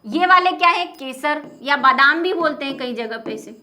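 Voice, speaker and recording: A woman's voice: high-pitched, expressive, moderate pace, bright, forceful tone, slight background noise. A young woman teaching a biology lesson, explaining step by step and asking her students frequent rhetorical questions. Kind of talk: classroom lecture.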